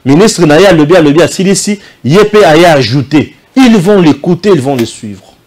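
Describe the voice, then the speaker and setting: Indignant Congolese man, fairly high voice. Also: animated, normal speed, darkish tone. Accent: Congolese French, Kinshasa. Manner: indignant, rhetorical questions, switches into Lingala. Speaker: political commentator. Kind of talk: impassioned political commentary.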